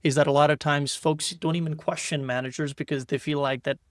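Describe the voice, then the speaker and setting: This podcast host has a fairly high, steady male voice and talks briskly, recorded dry with clean studio sound. His casual interview chat rambles loosely, with repeated words and restarts.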